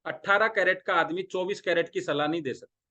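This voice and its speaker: Middle-aged male sales trainer from India, slightly high voice, rhetorical questions and acted-out dialogue. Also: a little fast, bright, forceful tone, dull audio. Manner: talks through role-played dialogues, asking the audience questions. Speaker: direct selling trainer. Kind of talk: motivational sales training talk.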